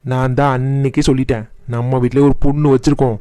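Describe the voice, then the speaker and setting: A man acts out a fed-up young son in a Tamil cartoon drama. His medium-pitched voice is dryly recorded. He talks back with sarcasm and complaint. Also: level tone, quick pace, warm tone, smooth, no echo, close to an everyday voice. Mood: defiant, annoyed. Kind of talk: colloquial family cartoon drama dialogue.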